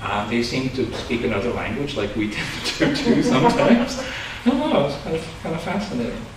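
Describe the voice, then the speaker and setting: A man's voice: medium pitch, lively intonation, brisk. A man in his sixties from Los Angeles giving a conversational, self-deprecating dharma talk as a Buddhist minister, chuckling often. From Los Angeles, USA. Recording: echoey room, distant mic, background noise.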